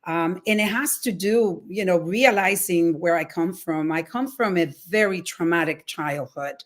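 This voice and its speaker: Brief: middle-aged woman, talk-show guest, somewhat low pitch, warm and open. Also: measured pace. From Dominican Republic. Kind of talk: interview answers.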